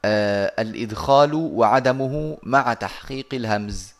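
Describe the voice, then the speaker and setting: A man teaching Quran recitation over a video call, patiently explaining and slowly reciting verses. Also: medium pitch.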